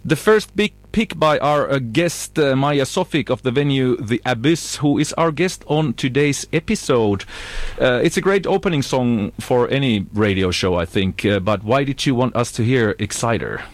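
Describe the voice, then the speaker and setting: A man hosting a student radio show, interviewing a guest in a relaxed way with many fillers. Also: medium pitch, normal speed, no room sound.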